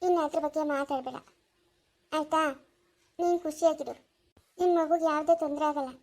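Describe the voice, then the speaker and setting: A serene young male god, voiced by a woman, speaks in a very high, childlike register for a family cartoon. He soothes and reassures, then turns stern and lectures about duty. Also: steady tone, brisk, a little mellow. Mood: soothing. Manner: soothing yet warning, lecturing. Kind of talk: cartoon voice acting.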